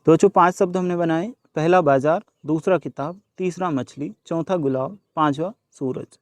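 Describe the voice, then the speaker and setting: A man's voice: on the high side, normal speed, no echo, clean studio sound. A male teacher working through a workbook solution lesson, addressing children, asking questions and answering them himself, dropping English words and numbers into his speech.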